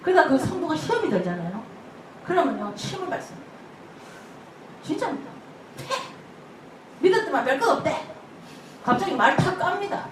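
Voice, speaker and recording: An older woman pastor, preaching an animated sermon full of stories, acting out church members' voices and laughing often. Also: high voice, moderate pace, long pauses. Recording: echoey hall from far off, noisy ambience.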